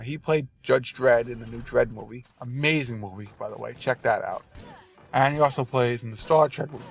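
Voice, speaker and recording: Behind the wheel, a congested gaming host with a cold offers loose, apologetic commentary over gameplay, his voice nasal. It's a creaky, medium-pitched male voice.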